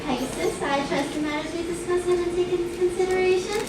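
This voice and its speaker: Woman as very high-voiced prim little mad scientist. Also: fairly even intonation, quick pace. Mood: sweetly menacing. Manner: sweetly condescending, formal. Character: prim, sly mad scientist Washu, a small female. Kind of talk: live villain role-play stage show. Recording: echoey hall from far off, loud noise.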